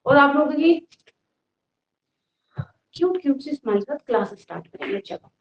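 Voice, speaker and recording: A woman's voice: high voice, expressive, moderate pace, a little hiss or hum. A young woman teaching a casual live online class, chatty and teasing with her students, with a cold and a cough. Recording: roomy, dull lo-fi sound.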